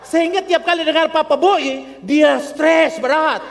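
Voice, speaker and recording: A man's voice: extremely high pitch, normal speed, gravelly. An older man with a Kupang accent preaching a sermon as pastor, joking and acting out quotes as he tells stories. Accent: Kupang Indonesian. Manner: lively storytelling with jokes and acted-out quotes. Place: church hall. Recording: long church hall reverb.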